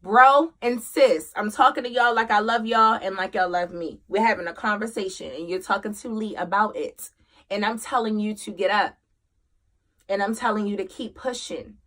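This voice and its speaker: A woman hosting a motivational talk as a single mother. She speaks emphatically, repeats her phrases, and moves from loud urging to quiet confession. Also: mid-range voice, moderate pace. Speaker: host.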